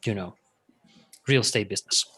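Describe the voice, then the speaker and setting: A man's voice: lowish voice, fairly quick, pushed and bright, slight background noise. A man playing a tabletop role-playing game, speaking in character with hesitant restarts. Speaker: player voicing his character in a tabletop game. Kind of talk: in-character improvised role-play.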